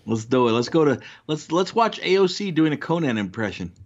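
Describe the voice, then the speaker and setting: A man's voice: fairly high pitch, big pitch swings, brisk. A man co-hosting a live stream show, bantering casually with sarcastic, mocking jokes. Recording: dull lo-fi sound.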